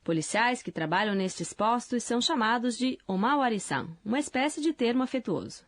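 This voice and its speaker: A woman co-hosting a language lesson, reading in a friendly, clear scripted way. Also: on the high side, lively intonation, fairly quick. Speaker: lesson co-host.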